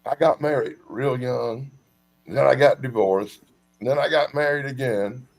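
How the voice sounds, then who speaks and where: A man's voice: mid-range voice, measured pace, vocal fry, a little mellow, soft background music. A middle-aged man from South Carolina, telling a long personal story on a video call in a casual, rambling, self-deprecating way. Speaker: storytelling guest. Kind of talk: casual chat. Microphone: video call, camera off.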